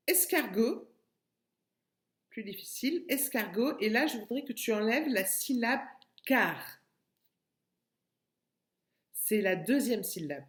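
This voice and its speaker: A woman teacher speaks very slowly and patiently to small children, spelling out syllables and saying each word twice. Her voice sits at an ordinary middle pitch. The room around her sounds roomy and echoey. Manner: slow, patient, repeats words and syllables. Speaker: kindergarten teacher. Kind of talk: remote lesson for young children. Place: home room by a window.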